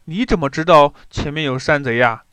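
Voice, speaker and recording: A man's voice: a little high, brisk, a bit bright, clear, resonant tone, no room sound, natural voice. A man voicing a brave young boy warrior who speaks confidently and gives commands. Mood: bold, confident.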